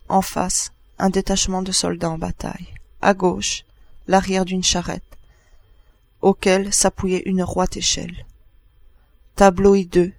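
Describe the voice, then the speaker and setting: Man reading with high, even pitch. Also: dry recording. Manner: measured first-person reading with short pauses. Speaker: narrator. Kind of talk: scripted narration of a literary text.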